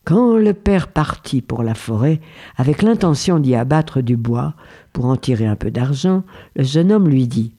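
Calm man narrating a fairy tale, mellow tone. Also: medium pitch, unhurried. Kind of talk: storybook narration.

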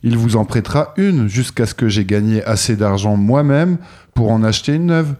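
A man's voice: medium pitch, animated, moderate pace, warm tone, close to an everyday voice. A man voicing a confident, eager young student in a storybook reading. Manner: eager, self-assured.

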